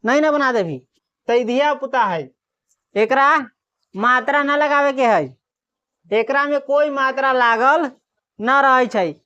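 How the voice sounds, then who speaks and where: A woman teacher giving a classroom lesson on reading Hindi letters. She sounds out letters slowly one by one, then quizzes the class and answers herself. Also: high voice, pushed and bright. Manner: drills by asking questions and answering them herself. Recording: dull lo-fi recording.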